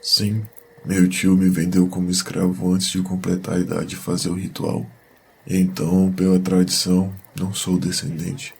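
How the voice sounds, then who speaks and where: A grave young prince of a fantasy audio drama, played by a man, solemn and used to giving orders. His voice is deep and gravelly, with little rise and fall. Faint noise sits behind it. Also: completely flat delivery, normal speed, a little mellow, heavily acted. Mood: melancholic. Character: grave young bastard prince seeking revenge.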